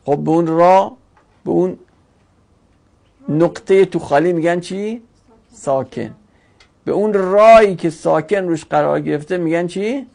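A teacher giving a grammar lesson, asking questions and answering them, repeating key terms slowly. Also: mid-range voice, gravelly, darkish tone.

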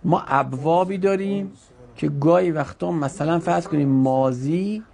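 A male teacher giving a classroom grammar lesson, quizzing students with quick questions and correcting them firmly. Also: on the high side, gravelly, a little mellow. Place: classroom with a board.

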